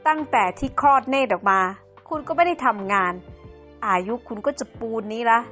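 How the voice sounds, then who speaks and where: A woman's voice: on the high side, expressive, normal speed, a bit bright, faint music behind. Woman doing a blunt, dismissive husband. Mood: scornful. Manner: cold, belittling.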